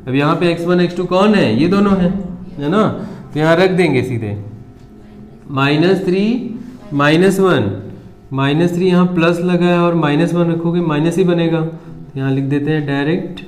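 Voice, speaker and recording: A man's voice: fairly high pitch, moderate pace, reverberant. A man teaching a board-exam maths lesson, talking students through each step and checking they follow.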